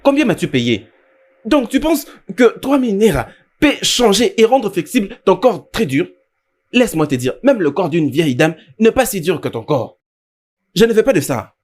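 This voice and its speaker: A man's voice: high-pitched, sing-song, moderate pace. A strict, impatient dance teacher, scolding his clumsy pupil. His voice swings widely up and down as he berates. Everything is delivered in the style of a dubbed film. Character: strict short-tempered male dance teacher.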